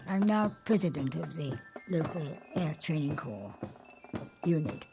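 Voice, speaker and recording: Older woman, earnest interview, gravelly voice, lively pitch, music behind. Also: measured pace. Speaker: president of a cadet unit.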